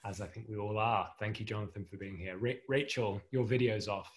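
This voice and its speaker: Man, host, friendly complimentary introductions, video call, lowish voice. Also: fairly even intonation, fairly quick.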